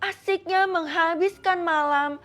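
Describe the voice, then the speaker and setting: A woman voicing a cheeky, excitable schoolgirl in an animated skit. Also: extremely high pitch, measured pace, faint music behind, voice pushed up. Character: lively teenage schoolgirl heroine.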